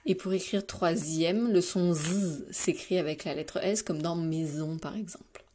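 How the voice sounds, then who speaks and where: Woman schoolteacher, slightly low voice, slow clear dictation, patient with small kids. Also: mellow, a little hiss or hum. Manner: patient, addresses young pupils directly. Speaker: primary school teacher.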